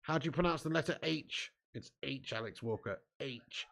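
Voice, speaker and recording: Hosting a football watch-along stream, this young man with an English accent reads viewer comments and trades cheeky banter, laughing a lot. His voice is medium-pitched, a bit bright and creaky, at a moderate pace.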